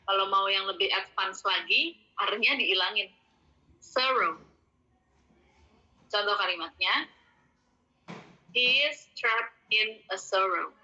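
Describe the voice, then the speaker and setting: A young woman runs a relaxed vocabulary lesson and goes slowly and patiently, repeating each word over and over. Her voice is very bright and a little husky. The recording sounds dull and lo-fi. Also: medium pitch. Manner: slow and patient, repeats each English word several times. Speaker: English vocabulary teacher.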